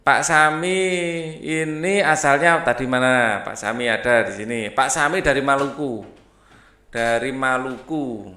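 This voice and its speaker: A man's voice: medium pitch, a little slow, bright, forceful tone. A man teaching a primary school lesson, reading the textbook aloud with chatty asides. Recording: echoey room.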